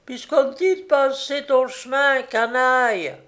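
A man's voice: fairly even intonation, unhurried, a bit bright. A man voicing a sour-voiced angry woman who screeches insults from inside a house, in a read-aloud story. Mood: jeering. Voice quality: shrill, sour.

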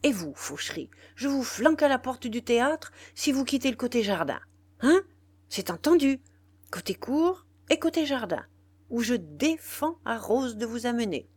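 A woman's voice: on the high side, very animated, moderate pace, darkish tone, breathy edge, no room sound, pitched above the performer's own voice. A woman reading the part of an exasperated, bossy male theatre manager who scolds with urgency.

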